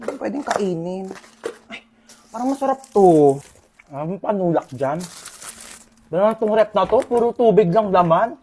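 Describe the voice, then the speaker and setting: A woman's voice: mid-range voice, lively intonation, normal speed, pauses often, a little mellow, husky. A woman acting in a comedy skit as a cheeky, bossy guest in someone's home.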